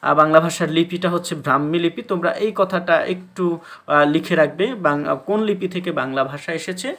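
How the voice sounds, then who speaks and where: A man's voice: fairly high pitch, normal speed, a bit bright. A man teaching a class, explaining step by step and asking questions that he answers himself, with many hesitation sounds. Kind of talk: classroom lecture.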